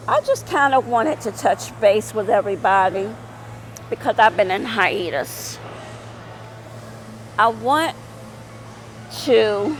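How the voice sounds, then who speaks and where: A woman's voice: a little high, slight background noise, rough recording. A middle-aged woman talking casually to her viewers in a rambling vlog, full of fillers and repeats. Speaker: vlogger.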